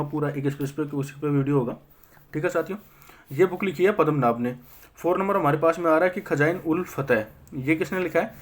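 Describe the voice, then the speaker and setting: A young man teaching a history lesson for exam prep. He asks himself quick questions, answers them, and keeps checking in with his listeners. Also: a little high.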